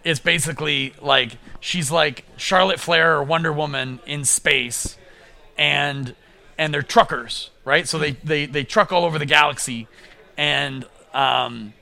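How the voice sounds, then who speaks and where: A man with a gravelly, bright voice chats on a podcast as a guest. He is excited, swears freely and tumbles over his own words as he goes. His pitch sits a little high. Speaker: podcast guest, comic book creator. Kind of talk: casual podcast chat.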